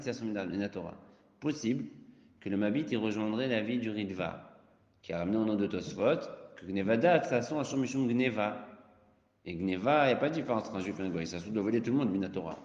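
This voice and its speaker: A man's voice: on the low side, quick pace, a little mellow. Male rabbi teaching an informal class, repetitive and emphatic, recorded with long hall reverb. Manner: informal, repeats key points, rises to emphatic bursts. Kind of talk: informal Talmud lesson. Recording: echoey hall, dull lo-fi sound.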